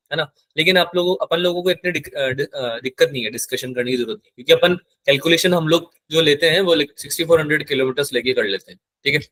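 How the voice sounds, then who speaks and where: A male physics teacher lectures, switching between Hindi and terms. His voice sits a little high, and the sound is dry and close. He keeps stopping to quiz his class. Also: fairly bright tone, no room sound. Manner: asks the class frequent check questions; mixes English terms into Hindi.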